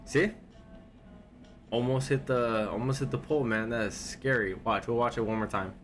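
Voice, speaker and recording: A man's voice: mid-range voice, steady tone, moderate pace, faint music behind. A man at home giving casual, rambling reaction commentary on videos, loose and laid-back, with lots of filler words.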